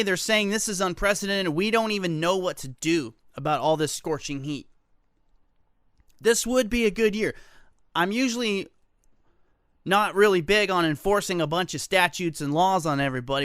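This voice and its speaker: A high-pitched male talk radio host ranting sarcastically about local news in a dry, close studio sound. His voice is bright and cutting, and he keeps throwing in joking asides between the stories. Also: clean tone, dry recording. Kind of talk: solo talk radio commentary.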